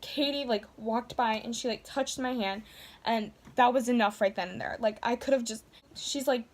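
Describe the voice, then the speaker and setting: A woman's voice: a little high, normal speed, background noise. A woman vlogger telling a story to camera in a gushing, casual way, filling her talk with "like". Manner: gushing, heavy use of "like".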